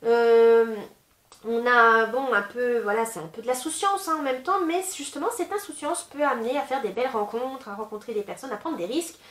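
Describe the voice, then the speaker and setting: A woman's voice: fairly high pitch, fairly quick. Chatty woman reading tarot, echoey room. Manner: chatty, many fillers like "voilà" and "euh"; gentle advising tone. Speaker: tarot reader.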